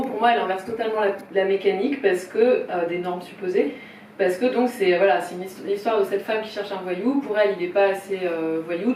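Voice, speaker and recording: In a mid-range voice with a darkish tone, a woman hesitantly presents a filmmaker at a small event in a film shop's event room, where people are gathered. Her informal, apologetic talk is full of restarts. The distant mic gives a roomy sound with faint noise.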